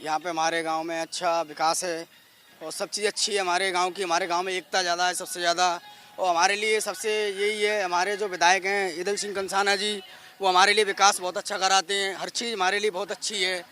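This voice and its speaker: A man's voice: sits high, little pitch movement, fairly quick, sharp tone, slight background noise. A man from the village defending its roads and development to a reporter outdoors. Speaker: villager interviewee. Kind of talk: street interview.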